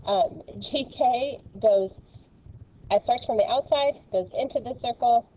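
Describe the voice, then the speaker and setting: A woman's voice: a little high, unhurried, dull audio. A woman teaching a recorded math lesson, chatty and playful, with lots of fillers.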